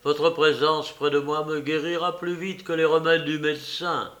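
Narrator guy doing a feverish young man in love, eager and high, begging her to stay. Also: little pitch movement, moderate pace, fairly bright tone, natural voice. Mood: pleading. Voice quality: eager, breathless. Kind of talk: audiobook character voice.

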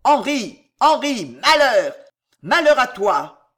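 A reader voicing a valiant noble marshal who commands his men with booming shouts, in a storybook reading. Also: very animated, measured pace. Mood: defiant.

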